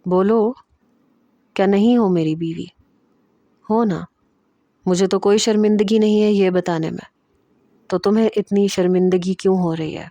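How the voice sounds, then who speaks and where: A woman's voice: mid-range voice, steady tone, pauses often, warm tone, no echo, lightly acted. A woman voicing a stubborn, protective young husband who speaks in firm, insistent lines.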